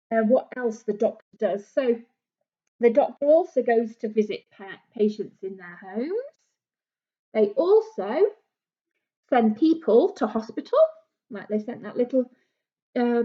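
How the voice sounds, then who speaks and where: In a lo-fi recording, a British woman with a fairly high-pitched voice reads a children's book aloud in the manner of a primary teacher. She speaks British English and explains things simply for young listeners.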